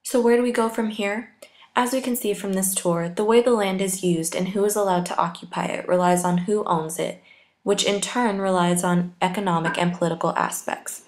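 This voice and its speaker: A woman's voice: mid-range voice, steady tone, normal speed. A young woman narrating a scripted walking-tour voice-over, reading steadily from her script like a tour guide. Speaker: student narrator.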